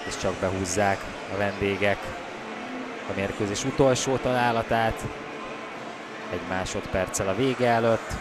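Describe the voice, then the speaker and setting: A man giving excited live ice hockey commentary, his delivery swelling as the play develops. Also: lowish voice, long pauses. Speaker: sports commentator. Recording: loud arena noise behind commentary. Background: ice rink ambience.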